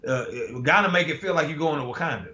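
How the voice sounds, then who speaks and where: A US guest artist with a slightly high, sharp voice talks fast in a casual video call conversation, laid-back and slangy with lots of fillers and restarts. The audio is roomy, dull and lo-fi, with slight background noise.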